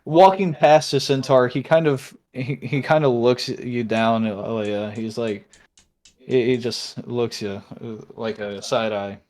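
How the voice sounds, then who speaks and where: A man improvising narration as a tabletop game master, halting often as he searches for words. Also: mid-range voice, fairly even intonation, darkish tone.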